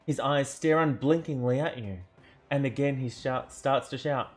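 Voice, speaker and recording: A man's voice: medium pitch, moderate pace, soft background music. A man narrating an interactive fantasy adventure book aloud, theatrical, with joking asides and self-corrections. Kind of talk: dramatic storybook narration.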